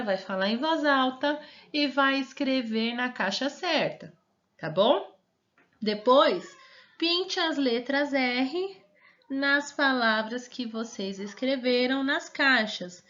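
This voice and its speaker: The audio is dull, but the teacher's fairly high, sharp voice comes through as she leads a remote lesson for young children. With her Brazilian Portuguese accent, she reads words slowly, drawing out the syllables, and asks coaxing questions.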